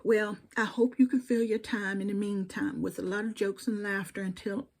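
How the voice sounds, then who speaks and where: A woman's voice: medium pitch, steady tone, normal speed, darkish tone. A middle-aged woman with a Southern accent giving earnest, preachy commentary straight to camera and repeating phrases for emphasis. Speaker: video commentator.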